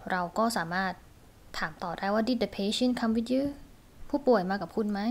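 A woman teaching a lesson, explaining in a chatty way and modeling short phrases slowly and clearly. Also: medium pitch. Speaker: English teacher for pharmacists.

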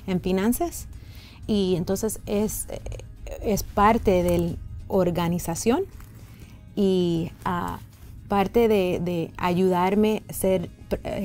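A woman, a native English speaker with American-accented Spanish, answering haltingly in an interview and searching for words. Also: on the low side, dark tone. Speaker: interview guest, singer. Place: indoor radio and TV studio set.

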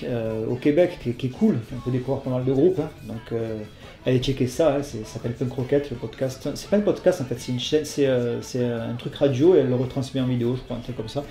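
A man's voice: medium pitch, a little fast, warm tone, roomy sound. A man hosting a casual question-and-answer video, talking hesitantly with lots of fillers and apologies. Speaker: channel host answering viewer questions. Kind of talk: casual FAQ video chat.

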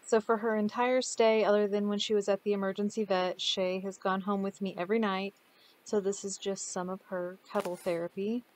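A woman's voice: medium pitch, flat delivery, fairly quick, a little hiss or hum. A woman narrating a dog rescue clinic vlog in an earnest, heartfelt voice-over.

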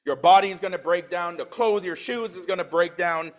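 40s guy from trinidad preaching in church, kinda high voice, reads scripture with big emphasis then talks plain. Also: normal speed. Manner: emphatic scripture reading with swelling loudness; plain conversational asides. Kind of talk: sermon.

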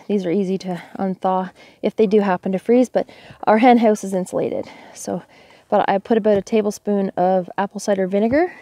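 Mellow-voiced Canadian woman chatting casually. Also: medium pitch, no echo. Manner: relaxed, chatty, thinking aloud. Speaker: homesteading vlogger. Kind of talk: casual how-to narration. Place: outdoors by a snowy hen house.

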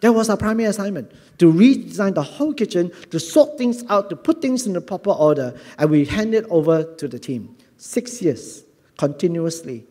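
Middle-aged Singaporean-accented male preacher, earnest and animated, handheld mic in a reverberant church hall. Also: high voice, normal speed. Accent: Singaporean English. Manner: earnest, animated, repeats words. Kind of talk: sermon. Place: large church hall on a stage.

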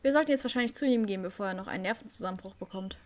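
A woman's voice: medium pitch, racing, lightly acted. Woman reading kind supportive girl friend. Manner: reads game text aloud.

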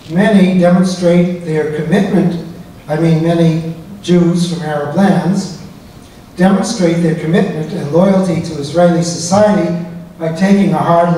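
An older man reads a prepared academic lecture from a podium, his voice slightly raised in pitch. He speaks in a measured, careful way. The sound rings through a big echoey hall, heard a little from a distance. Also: a little mellow, a little hiss or hum. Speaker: guest lecturer. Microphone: lapel mic and podium mic.

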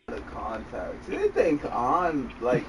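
A man's voice: mid-range voice, wildly swooping pitch, slow pace, background noise. A man joking around with a streamer over voice chat in a laid-back, casual way. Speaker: friend on voice chat.

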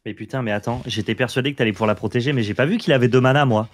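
A man's voice: medium pitch, racing. A man co-hosting a card game video, bantering and joking as he comments on the plays. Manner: jokey, banters, apologizes playfully. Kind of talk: casual gameplay chat.

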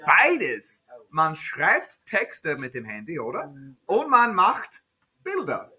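A man who is not a native speaker of German teaches a beginner high-school class in a classroom, asking simple questions again and again and answering them himself. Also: huge pitch swings, slow, sharp tone, breathy edge. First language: English. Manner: simple repeated questions to students, self-answering.

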